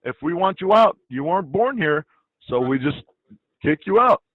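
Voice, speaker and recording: A man's voice: fairly high pitch, sing-song, moderate pace. A man from Iraq, an interview guest, talking bluntly and swearing freely. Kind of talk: casual interview talk. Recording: dull lo-fi dry sound.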